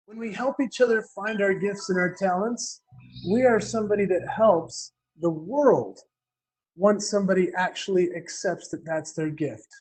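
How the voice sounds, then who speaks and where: A man giving a playful, energetic motivational keynote full of personal stories. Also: high-pitched, moderate pace. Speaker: keynote speaker.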